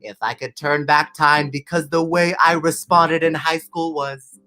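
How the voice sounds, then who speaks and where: Bright and forceful in tone, this young man's slightly high voice stays steady and moves a little slowly. He's a musical comedian delivering comedy songs and patter for an online show, playing it theatrical and poking fun at himself.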